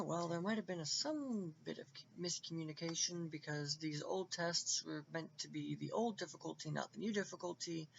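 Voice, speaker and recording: Gravelly excitable man calling a game. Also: a little high. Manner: excitable and rambling, with many restarts. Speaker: game commentator. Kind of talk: casual game commentary. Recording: dull lo-fi recording with faint hiss.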